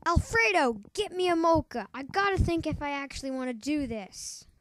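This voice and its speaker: A woman's voice: high voice, expressive, moderate pace, a bit bright. A woman playing a bossy, petulant male superhero in an amateur cartoon, demanding and whiny. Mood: irritated.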